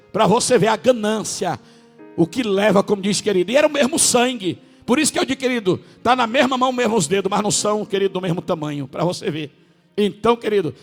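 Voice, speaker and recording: Raspy high-voiced preacher man. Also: in a large hall. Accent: Brazilian Portuguese, northern. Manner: preaching with sudden shouted peaks and drawn-out words. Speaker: pastor. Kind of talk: sermon.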